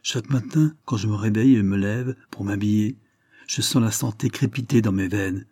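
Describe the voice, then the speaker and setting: A man's voice: lowish voice, moderate pace, mellow, no room sound, clean studio sound. A man voicing an earnest, proud young boxer of simple mind, in a read-aloud story. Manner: earnest, proud of his strength.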